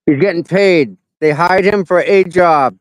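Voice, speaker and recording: A high-pitched man drops short, dry interjections into the conversation. His voice sounds close and dead, with no room around it. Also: unhurried, no room sound, low-quality recording. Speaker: co-host. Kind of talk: casual chat.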